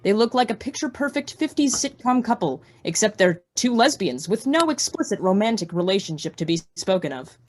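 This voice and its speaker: A woman's voice: mid-range voice, sing-song, brisk, hardly any pauses. A woman reading stage directions aloud in a play reading over a video call.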